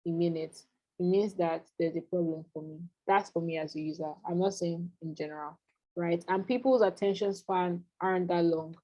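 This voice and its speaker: Woman with a dark, muffled voice. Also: mid-range voice. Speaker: product management facilitator. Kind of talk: online class discussion.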